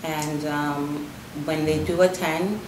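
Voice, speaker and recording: Woman, low and flat voice, community liaison giving interview answers, measured with fillers; echoey, noisy room.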